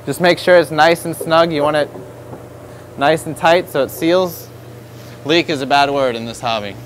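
A man's voice: on the high side, normal speed, a little hiss or hum. A man in his thirties with an American accent, upbeat and instructive as he demonstrates aquarium setup in a store showroom on a lapel mic. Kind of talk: product demonstration tutorial.

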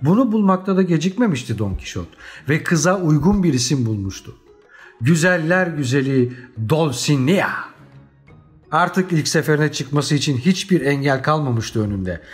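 A man narrating a children's storybook audiobook in an expressive, dramatic storytelling manner. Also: on the high side, normal speed, soft background music.

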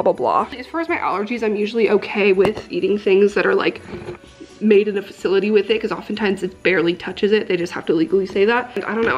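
A woman vlogger chatting casually and upbeat in her mom's craft room, full of "like" fillers and laughs. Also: fairly high pitch. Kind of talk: casual vlog chat with a sponsored product segment.

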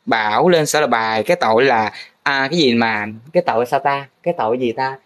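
A man's voice: medium pitch, fairly quick, a bit bright. A young man playing a comic art teacher grading students' drawings, teasing and full of exaggerated exclamations. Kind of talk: comedic teacher role-play monologue.

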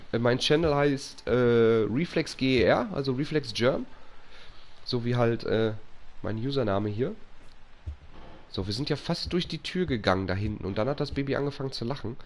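A man doing live commentary on a horror game, excitable and jumpy, talking to his chat. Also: mid-range voice, a little hiss or hum. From Germany. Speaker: live streamer.

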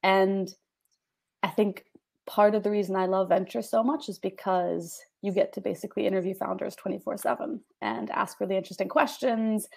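A woman in her twenties speaks from a room at home on a video call. Her mid-pitched voice often slides into a creaky rasp. She talks casually, stringing thoughts together with "like" and "um.". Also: fairly even intonation, moderate pace, darkish tone. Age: 20s. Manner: chatty, with many "like" and "um" fillers. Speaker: panel guest, venture investor. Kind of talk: casual panel talk. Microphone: video call webcam.

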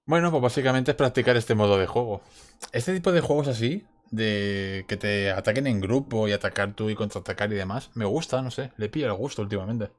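A man's voice: on the low side, a little fast. A man giving casual let's play commentary as he plays a video game. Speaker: gamer. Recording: game noise behind the voice.

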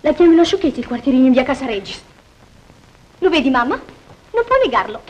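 Brief: a jealous, high-voiced young fiancée, shrill and tearful, from a 1940s film. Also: female voice, very animated, fairly quick, darkish tone, muffled recording. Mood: aggrieved.

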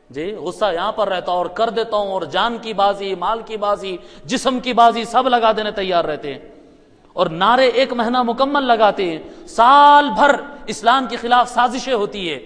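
A man preaching a Friday sermon in a mosque, emphatic, building to loud rhetorical peaks before dropping low. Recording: long hall reverb.

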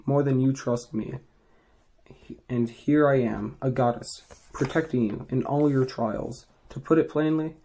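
A man's voice: mid-range voice, warm tone. A man reading the lines of a firm, protective goddess who chides and reassures a hero, in his own everyday voice.

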